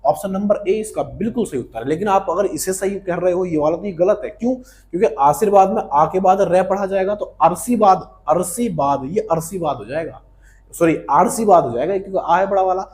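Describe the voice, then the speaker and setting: A man's voice: high voice, a little fast, darkish tone. Friendly grammar teacher, man. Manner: asks questions and answers them himself, repeats key terms; friendly, calls the viewer "my friend". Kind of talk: exam-prep grammar lesson.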